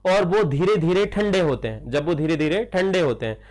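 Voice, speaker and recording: A man's voice: a little high, animated, moderate pace, darkish tone. A man with a Hindi accent lecturing on chemistry, putting questions to his students and answering them himself. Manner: calls listeners child. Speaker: chemistry teacher. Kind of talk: classroom lecture.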